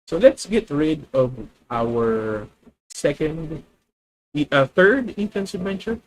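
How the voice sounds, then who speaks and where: A man's voice: a little high, expressive, takes it slowly, poor audio. A man with a Filipino accent thinking aloud as he plays a card game on stream, chatting with viewers. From Philippines. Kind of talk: live card game commentary.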